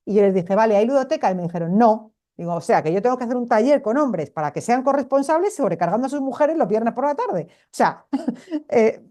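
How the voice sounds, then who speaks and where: A woman trainer lectures in a mellow, somewhat low voice. She explains with everyday anecdotes and often asks rhetorical questions. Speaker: occupational therapist and trainer.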